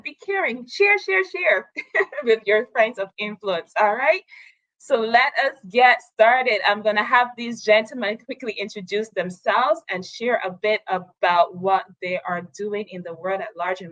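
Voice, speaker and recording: A woman's voice: mid-range voice, fairly bright tone, no room sound. A woman hosting a live talk broadcast as a coach, upbeat and chatty. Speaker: talk show host and coach. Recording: dull, dry sound.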